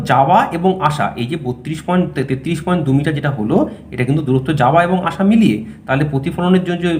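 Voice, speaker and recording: A man's voice: on the high side, slight background noise. A man teaching a school physics lesson, explaining step by step. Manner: explains step by step, often saying "dekho" and "thik ache".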